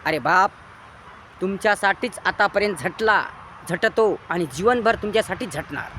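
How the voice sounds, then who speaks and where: Marathi guy preaching hard, high bright voice, faint hiss behind. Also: normal speed. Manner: preachy, repetitive, swings between loud emphatic bursts and low quiet lines. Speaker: motivational speaker. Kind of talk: impassioned moral lecture.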